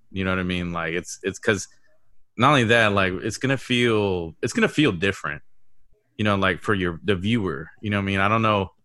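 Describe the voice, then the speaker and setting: A man with a very low voice and a crisp, forceful tone, talking easily and agreeably. The sound is dry and close, with no room echo. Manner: easygoing, agreeable, frequent short backchannels. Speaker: podcast co-host. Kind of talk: casual sports chat.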